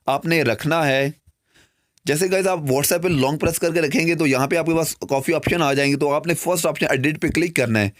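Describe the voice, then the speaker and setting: A man's voice: fairly high pitch, no echo, clean studio sound. Chatty young man with a Pakistani accent. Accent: Pakistani Urdu. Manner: repeats "guys" constantly, loose and chatty. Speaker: tech channel host. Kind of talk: screen-recorded tutorial narration.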